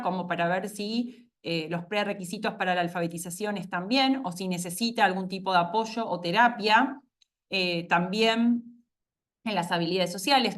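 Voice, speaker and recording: A woman speech therapist presenting in an online talk, halting and thinking aloud as she goes. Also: mid-range voice, fairly bright tone. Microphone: video call.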